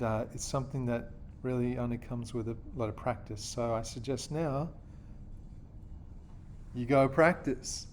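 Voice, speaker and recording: An Australian man explains a classroom lesson patiently, step by step, in a middle-pitched and slightly mellow voice. He keeps checking that students follow with "okay?" and "yeah?", while faint background noise runs under the recording.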